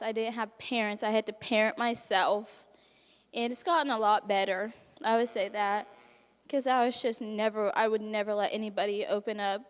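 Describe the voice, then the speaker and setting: Speaking as a resident at a banquet, a non-native English-speaking teenage girl offers a candid personal testimonial, laughing frequently and mimicking what others said. Her voice is on the high side, with a big-room sound.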